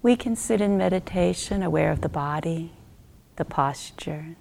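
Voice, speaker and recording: With a gravelly voice on the low side, a woman guides a meditation as the teacher. Her gentle, short phrases come slowly and fade softly to almost a whisper.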